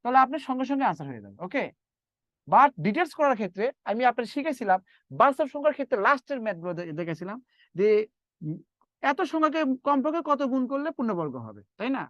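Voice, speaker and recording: A man's voice: extremely high pitch, very animated, quick pace, fairly bright tone, dry recording, lo-fi sound. A man teaching math in a live online lecture, repeating steps and quizzing his students as he works through sums.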